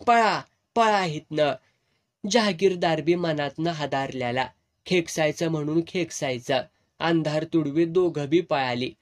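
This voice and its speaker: A man's voice: a little high, normal speed. Man narrating a rustic village story. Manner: vivid, earthy rural storytelling.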